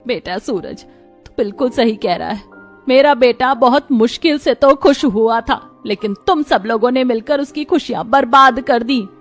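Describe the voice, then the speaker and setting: A woman's voice: mid-range voice, normal speed, vocal fry, dark tone, soft background music. A woman voicing a worried middle-aged mother of a rich family. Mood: reproachful.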